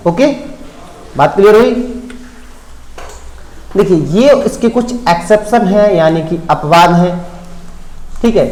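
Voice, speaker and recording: A man teaching an English grammar lesson, spelling words out letter by letter and often checking whether the point is clear. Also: high-pitched, a little mellow, reverberant, poor audio.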